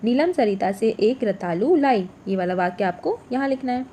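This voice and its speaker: Clear, patient woman teaching small children. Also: on the high side, expressive, warm tone, a little hiss or hum. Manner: slow, clear, repeats each letter and word. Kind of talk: workbook lesson for young children.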